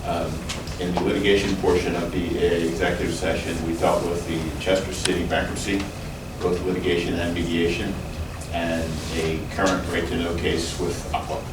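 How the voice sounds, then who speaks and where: Low, monotone male solicitor, echoey room. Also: normal speed, few pauses, recorded from a distance. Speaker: board solicitor. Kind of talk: formal spoken report. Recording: noisy, echoey room from afar.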